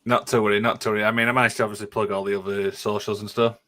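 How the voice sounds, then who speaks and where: A man's voice: on the low side, level tone, rapid-fire, sharp tone, a little hiss or hum. A man hosting a casual wrestling podcast chat, often saying "obviously" and "and stuff like that". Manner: says "obviously" and "and stuff like that" a lot. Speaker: podcast host.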